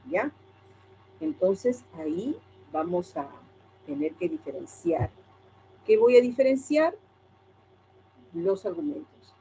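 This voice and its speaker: Peruvian woman teacher, dark and mellow. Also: medium pitch, muffled recording, a little hiss or hum. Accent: Peruvian Spanish. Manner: asks and answers her own questions. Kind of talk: lecturing a class.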